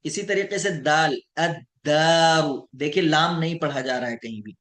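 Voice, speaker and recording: A man teaching an online lesson, slowly drawing out each example word and checking in with his students. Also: fairly high pitch, expressive, a bit bright. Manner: slow, deliberate, drawing out example words; checks in with students, addressed as sir. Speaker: Arabic teacher.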